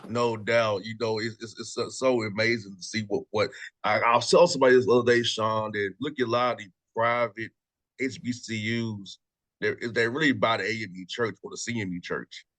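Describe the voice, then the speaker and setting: A man's voice: lowish voice, steady tone, brisk, a bit bright, no room sound. Casual male show host, dry sound. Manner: casual, friendly, says "man" and "bro" often. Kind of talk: radio interview.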